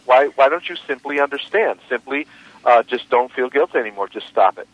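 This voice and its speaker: A man's voice: medium pitch, a little fast, dry recording. Emphatic male radio coach, dull sound. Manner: probing, emphatic, repeats key phrases. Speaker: radio host and life coach. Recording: dry, dull lo-fi radio audio.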